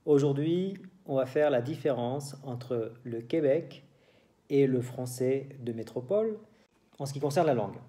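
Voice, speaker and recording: A man from France with a French accent gives a relaxed language lesson to Spanish speakers. He talks slowly and explains each point carefully, moving between French and Spanish. His voice sits at a medium pitch with a very dark, mellow tone. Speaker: French teacher.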